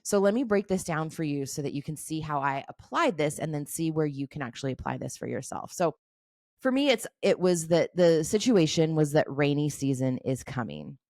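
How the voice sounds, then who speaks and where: Frank, low-voiced woman in her forties. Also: lively intonation, normal speed, darkish tone, no echo, clean studio sound. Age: 40s. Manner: frank, swears casually, laughs easily. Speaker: coach. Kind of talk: casual coaching talk.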